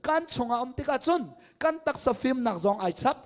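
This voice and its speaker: A man, a pastor, preaching a sermon at a crusade and swinging between loud and hushed delivery. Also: very high-pitched, lively intonation, fairly quick.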